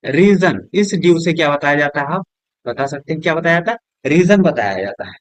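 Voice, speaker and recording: A man with Hindi-accented English, teaching a lesson at a board, asking questions and answering them himself, softer and lower on each answer word. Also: expressive, fairly quick, dry recording. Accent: Hindi-accented English words. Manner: drops low and soft on the answer words; keeps checking with "is that clear?".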